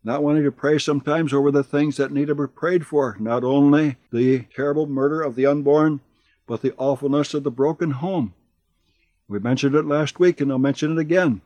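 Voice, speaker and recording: A man preaching a radio sermon, earnest and exhorting, with slow emphatic pauses. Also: fairly high pitch, fairly even intonation, warm tone, dry recording. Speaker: pastor.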